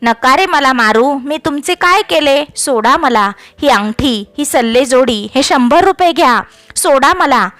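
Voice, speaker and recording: A woman's voice: high voice, expressive, unhurried, a bit bright, no echo. A woman voicing a stubborn, fearless village landlord. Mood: pleading. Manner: brushing off warnings, then pleading.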